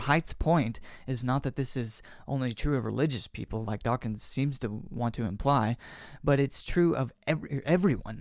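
A man of middle pitch talks through an interview clip as the host of a commentary show. He argues his case earnestly and firmly. His voice is recorded close and dry, without any room echo. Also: darkish tone. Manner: earnest, argumentative.

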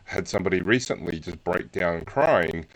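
Very low-voiced man, hesitant. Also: vocal fry, rough recording. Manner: hesitant, many "um" pauses. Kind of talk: conversational podcast interview.

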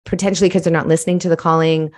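A middle-aged woman from Malawi, a podcast guest, telling her own story in a casual, animated, self-reflective way. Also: sits low, rapid-fire.

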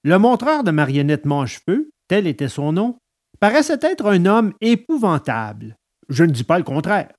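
A man narrating a storybook in an animated, expressive way. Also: high-pitched, normal speed. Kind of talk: storybook reading.

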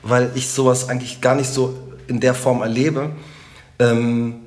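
A middle-aged man with a Rhineland German accent, a comedian chatting as a podcast guest in an animated, joking and emphatic way. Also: mid-range voice, measured pace. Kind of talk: casual podcast conversation.

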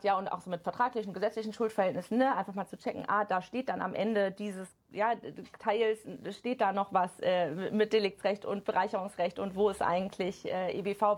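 Quick-talking woman with a gravelly voice. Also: mid-range voice. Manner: fast, animated explaining with many fillers. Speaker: podcast guest, study coach. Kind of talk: casual chat.

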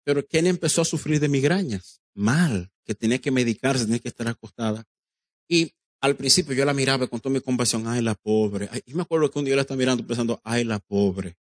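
This is an emphatic sermon from a male pastor with a medium-pitched voice and a quick pace. He addresses the congregation directly, performs quoted lines, and drops English into his Spanish, all on a dry recording without echo.

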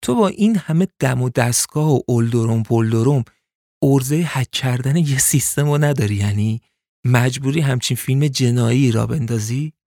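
A man's voice: medium pitch, mellow, no echo, natural voice. A defiant young captive, voiced by a male narrator, mocks his captor with biting sarcasm. His voice sits in an ordinary middle range and is recorded close and dry. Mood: sarcastic. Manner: sarcastic, mocking.

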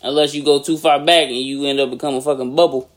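A man's voice: medium pitch, steady tone, fast. A man co-hosting a casual podcast, firing off joking comebacks and swearing freely. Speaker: podcast co-host. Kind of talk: casual chat.

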